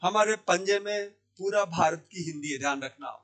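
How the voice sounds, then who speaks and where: A man teaching Hindi grammar in a classroom lesson. He asks questions and answers them himself, repeating key words slowly. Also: high voice, a bit bright. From India. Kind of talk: classroom lesson explaining sandhi. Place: Jaipur language institute.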